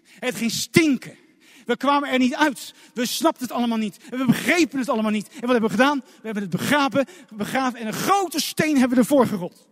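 A man's voice: very high-pitched, fast talker. A man preaching a sermon emphatically, asking the congregation rhetorical questions. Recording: long hall reverb.

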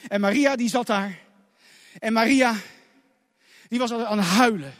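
High-pitched man preaching a sermon. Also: unhurried, fairly bright tone. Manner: emphatic, with rhetorical questions to the congregation. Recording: long hall reverb.

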